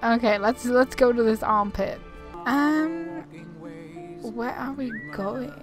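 Reading dialogue options out loud as she plays, this easily amused woman offers laid-back commentary on her own game. She speaks slowly in a fairly high voice, with music in the background.

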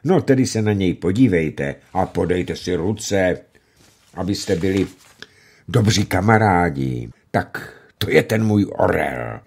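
A man voicing a hearty middle-aged gamekeeper who talks in a booming, jovial way. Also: lively intonation, vocal fry, a little mellow, husky, exaggerated voice.

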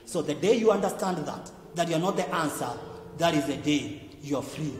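A man with a Kenyan accent preaching a sermon as pastor, with emphatic repetition that climbs to shouts and falls back low. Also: moderate pace. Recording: echoey hall with faint music.

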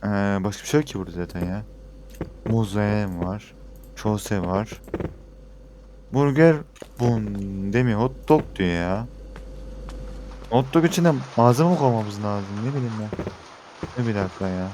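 A man's voice: on the low side, measured pace, long pauses, noisy background. A young Turkish man giving let's-play commentary, talking to his viewers and getting frustrated with the game. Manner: exasperated, talks to viewers as he plays. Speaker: gaming YouTuber.

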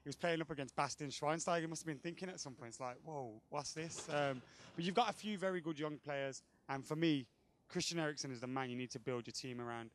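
A man's voice: fairly high pitch, fast, slight background noise. Blunt, opinionated young male football fan. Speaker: guest football fan pundit. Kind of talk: casual outdoor interview. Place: outdoor car park by a stadium. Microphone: handheld microphone held by interviewer.

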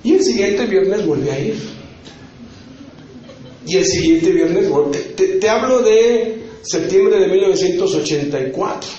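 A man in his fifties preaching at a conference, his voice sitting high for a man. He tells his story in a loose, chatty way, tossing in little tag questions. The hall rings with heavy echo and the sound is a bit dull. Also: animated, unhurried, warm tone, slight background noise. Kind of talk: conference sermon testimony.

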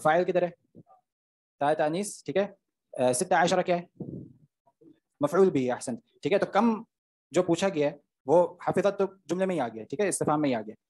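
A man's voice: a little high, animated, normal speed, long pauses, darkish tone. A man, teaching Arabic grammar in an online class, explaining step by step and often checking "okay?" with his students.

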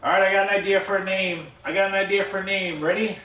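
A man's voice: sits high, little pitch movement, fast talker, bright, forceful tone. A man giving casual gameplay commentary on a livestream, thinking aloud and reading chat messages. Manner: musing, reads chat aloud, laughs often. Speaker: livestream gamer. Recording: roomy room, distant mic, faint noise.

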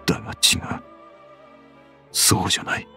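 A man voicing a tormented young man in a visual novel, speaking in a breathy, quavering way with game music behind. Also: fast, bright, forceful tone. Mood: earnest. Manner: tense, breathy, quavering delivery. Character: tormented young man torn between love and killing.

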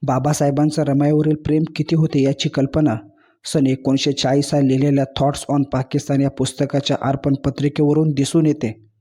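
A man's voice: a little high, flat delivery, normal speed, warm tone, breathy edge. A man narrating an emotional story in an earnest, dramatic way.

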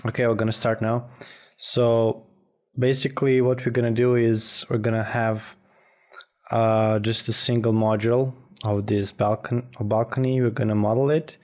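Male software tutor, informal voice-over. Slightly deep, monotone, hesitant, with repeated words. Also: a little slow. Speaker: tutorial instructor. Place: voice-over for a screen recording.

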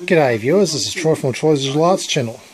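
Here an Australian man, a YouTube vlogger, keeps up excited, halting chatter as he shoots footage on a handheld camera he holds himself. His fairly high voice is expressive. He's in a dim, messy room at home, with TV chatter from an old tape playing behind him.

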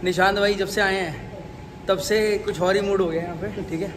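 A vlogger in his thirties talks casually to a phone camera held at arm's length, blending English words into his Hindi. His voice is high-pitched and steady at a moderate pace, and the noisy phone audio follows him from the gym to home and then outside a temple at night.

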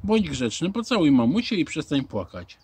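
A man voicing a small boy's mother who coaxes him gently but firmly. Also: fairly high pitch, sing-song, normal speed, slightly rough, full character voice. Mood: coaxing. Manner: coaxing.

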